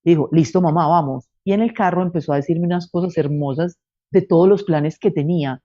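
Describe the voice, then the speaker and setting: A woman's voice: fairly low pitch, a little fast, dark tone, no echo, dull audio. A middle-aged woman with a Colombian Paisa accent, earnestly recounting her grief as a guest, her talk reflective and full of restarts. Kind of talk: emotional personal testimony.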